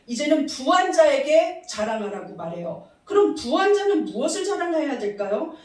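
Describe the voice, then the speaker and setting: A woman's voice: high-pitched, very animated, moderate pace. A woman pastor preaching a sermon, asking the congregation questions and leading them in reading aloud. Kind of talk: sermon with call-and-response. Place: church sanctuary. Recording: very echoey hall, voice from a distance.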